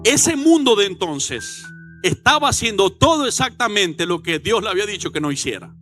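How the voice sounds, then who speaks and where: A middle-aged man with a Venezuelan accent delivers a Sunday sermon in church, his voice high-pitched and bright. He tells stories with animated, acted-out quotes. Faint music sits behind him. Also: moderate pace. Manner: animated storytelling, acts out shouted quotes. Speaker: pastor.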